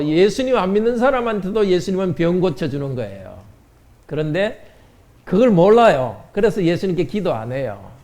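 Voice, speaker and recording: Pastor guy doing a kids' sermon, highish voice but mellow, keeps asking the kids questions. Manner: asks children questions and answers them. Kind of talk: children's sermon. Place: church sanctuary.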